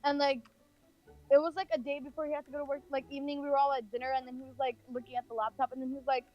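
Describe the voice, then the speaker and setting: The recording is muffled, and the young American woman on it, from California, speaks rapid-fire in a high, flat voice. She rambles casually through a personal story, leaning hard on "like."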